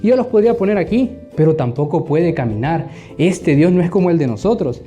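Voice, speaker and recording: An animated man tells a Bible story to children and keeps asking them questions. His voice is fairly high but mellow. Faint music plays behind him. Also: a little fast. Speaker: children's Bible school teacher.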